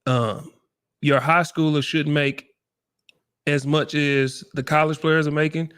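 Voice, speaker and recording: A man's voice: fairly high pitch, unhurried, smooth. Laid-back middle-aged man giving advice. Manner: relaxed, encouraging, folksy. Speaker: livestream host. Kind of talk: casual livestream chat.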